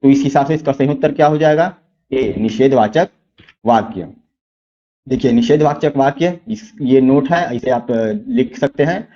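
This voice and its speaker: A man teaches a quiz lesson in a mellow, darkish voice. He poses rhetorical questions and then repeats the key answers slowly. The recording is muffled and lo-fi. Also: mid-range voice. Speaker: exam-prep teacher. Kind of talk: explaining quiz questions step by step.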